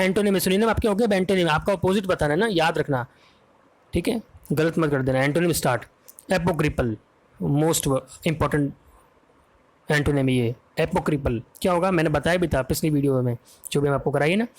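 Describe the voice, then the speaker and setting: A man with an Indian accent teaching English vocabulary for an exam, talking fast in a quiz style and often checking that students follow. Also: fairly high pitch. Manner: fast, drills answers with repeated "है ना?" checks.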